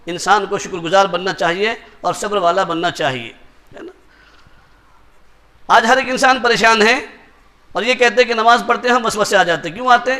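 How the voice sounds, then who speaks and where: Indian urdu accent preacher guy, real high voice, keeps asking the crowd questions. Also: pushed and bright. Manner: rhetorical questions, repeated tag questions. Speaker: mufti preacher. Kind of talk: sermon.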